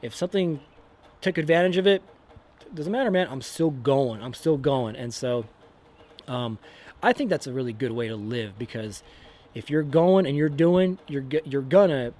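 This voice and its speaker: Young man, podcast co-host, animated casual delivery with acted-out quotes. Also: a little high, moderate pace, long pauses. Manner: animated, acts out quotes, says man and dude a lot. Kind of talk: casual faith and motivation chat.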